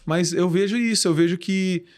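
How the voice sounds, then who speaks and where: A man's voice: high voice, normal speed, darkish tone. A man hosting a podcast, chatting casually and sharing his opinions at length. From Brazil. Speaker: podcast host.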